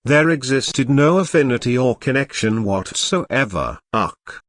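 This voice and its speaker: A man's voice: mid-range voice, expressive, measured pace, no echo, clean studio sound. Man reading a classic story aloud. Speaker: narrator.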